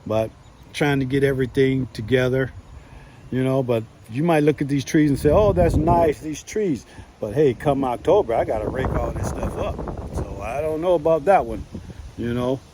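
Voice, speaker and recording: A man talking casually to camera from his yard, relaxed and folksy, with lots of "you know" fillers. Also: mid-range voice, normal speed, slight background noise. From United States. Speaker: vlogger.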